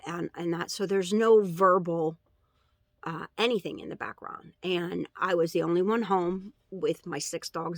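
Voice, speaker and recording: A woman recounting a dream in a casual religious testimony, halting and earnest, with many fillers and pauses. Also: lowish voice, no room sound. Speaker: vlogger sharing a dream.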